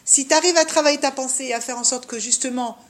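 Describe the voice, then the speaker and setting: Higher-voiced woman teaching a religious lesson. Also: fast talker. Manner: French peppered with Hebrew terms; didactic, frequent check-in questions.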